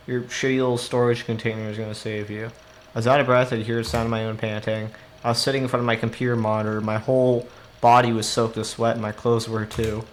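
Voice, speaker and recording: A man with a mid-range voice streams a game live, reading its story text aloud and then breaking off to react with swearing and laughter. There's a little hiss or hum in the recording.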